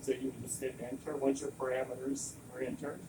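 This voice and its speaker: A man's voice: medium pitch, flat delivery, fairly quick. A man in a hands-on training session, explaining equipment in a casual, rambling way that wanders off on tangents. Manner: informal, rambling, digressing. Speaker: equipment trainer, service technician. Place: room with running lab machinery. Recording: distant mic, loud machine noise. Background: loud compressor and vacuum pump noise.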